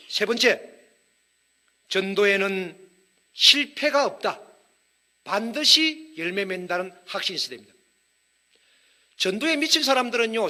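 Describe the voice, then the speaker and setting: A man preaching a lively sermon, joking with wordplay and calling on the congregation to raise their hands. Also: sits high. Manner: energetic, humorous, with wordplay and audience prompts. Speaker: pastor. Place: church hall.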